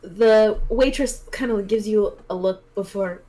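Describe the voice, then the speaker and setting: A woman narrating as game master of a tabletop role-play session, encouraging and quick to laugh. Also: medium pitch. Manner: lively and encouraging, laughs often.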